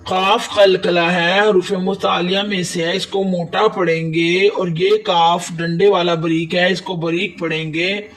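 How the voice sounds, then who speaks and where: Man, high voice, slow patient recitation teacher, Pakistani Urdu accent, a bit distant from the mic. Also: level tone, fairly bright tone. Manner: slow, patient explanation with drawn-out recited words. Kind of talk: step-by-step tajwid lesson.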